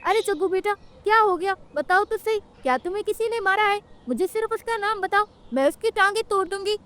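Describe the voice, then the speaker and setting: A woman's voice: extremely high pitch, a little fast, fairly bright tone, slight background noise. A woman voicing a hot-tempered mother crow in a cartoon story, scolding and threatening. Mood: angry.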